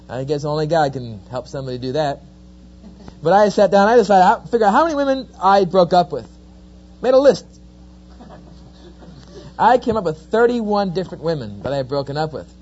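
A middle-aged man from New Jersey, with the accent to match, delivers a sermon-style talk packed with folksy, joking stories. His voice sits high and moves at a normal speed, and he comes across as a lively storyteller. The recording is dull and lo-fi.

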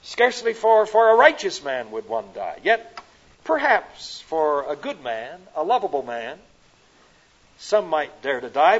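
At a conference, a high-pitched man from the American Midwest, speaking with a Midwestern accent, preaches a sermon that swells to loud, emphatic peaks and falls to soft, slow phrases. The conference hall recording is dull and lo-fi.

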